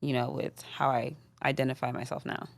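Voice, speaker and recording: A gravelly bass voice with little pitch movement belongs to a British woman in her twenties, a guest rapper in a casual interview. She talks a little fast, laughs often, and leans on "like" and "um" as fillers.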